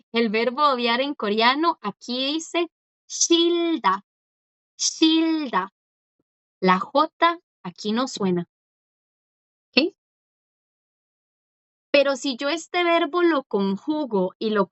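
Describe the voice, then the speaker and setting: A woman's voice: fairly high pitch, a bit bright, no room sound. A woman teaching a class, patiently explaining and repeating, often checking that the students follow along. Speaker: language teacher. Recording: dry, dull lo-fi sound.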